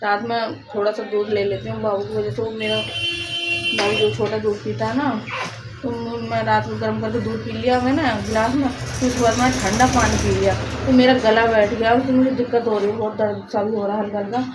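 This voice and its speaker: A young woman with a hoarse, sore-throated voice chatting casually to her viewers at home, rambling with restarts. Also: a little high, a little fast, background noise. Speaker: vlogger. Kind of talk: casual vlog chat to viewers. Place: home, indoors.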